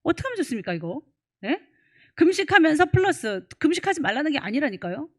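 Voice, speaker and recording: A woman's voice: high-pitched, very animated, fast talker. Woman pastor, church sermon, emphatic, prods the congregation with rhetorical questions.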